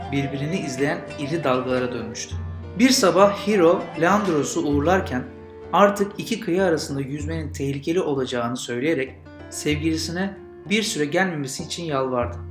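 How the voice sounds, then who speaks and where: A podcast host and storyteller with a higher-pitched male voice gives a casual intro and then narrates a legend. The recording has a roomy echo, with guitar music playing.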